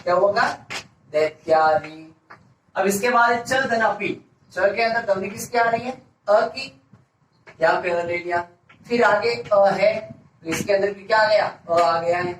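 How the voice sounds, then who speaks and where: A man's voice: high-pitched, moderate pace, fairly bright tone. A male teacher giving a grammar lesson, asking a question and answering it himself, repeating each answer. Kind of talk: classroom-style grammar lesson. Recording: echoey room, voice from a distance, faint hiss.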